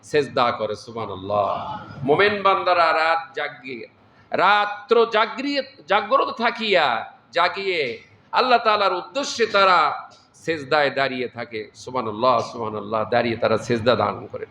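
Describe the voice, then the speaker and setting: A man's voice: on the high side, expressive, moderate pace, sharp tone. A man preaching a sermon, explaining scripture verse by verse and often breaking into exclamations of praise. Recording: echoey room.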